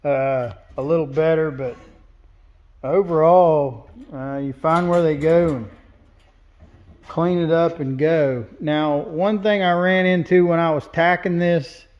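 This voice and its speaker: Speaking slowly with fairly even intonation, this slightly high-voiced man is a welder and fabricator walking through his work in a large indoor metal shop. He points things out in a casual, plain-spoken way, and the sound quality is lo-fi.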